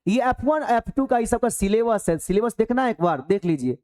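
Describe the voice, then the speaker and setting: A male teacher giving a lively classroom lecture, animated and preachy, full of rhetorical questions. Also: sits high, fairly quick.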